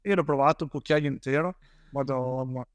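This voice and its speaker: A man's voice: medium pitch, normal speed, smooth, no echo. A man from Italy, a police officer, telling his story as an interview guest in a rambling way with many fillers and restarts.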